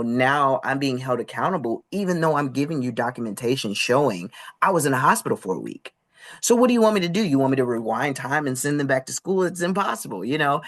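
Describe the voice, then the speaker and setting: A woman speaking as a panelist, telling personal stories in an emphatic, animated way with many "you know"s. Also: a bass voice.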